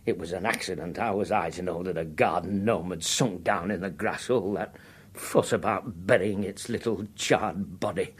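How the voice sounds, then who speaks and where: A man with a husky voice reading a comic first-person story in a wry, put-upon way. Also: deep voice, normal speed.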